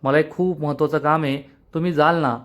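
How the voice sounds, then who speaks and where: A man voicing a young son who asks softly and with concern. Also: on the high side, fairly even intonation, fast, lightly acted. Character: young man, worried son, soft-spoken.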